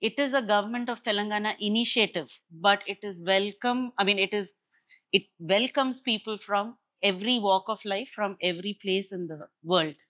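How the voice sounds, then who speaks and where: A woman's voice: medium pitch, extremely slow, fairly bright tone. A woman with an Indian Telugu accent explaining things in an interview, switching freely between Telugu and English. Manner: explanatory, with English phrases dropped into Telugu sentences. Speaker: guest explaining a maker center's projects.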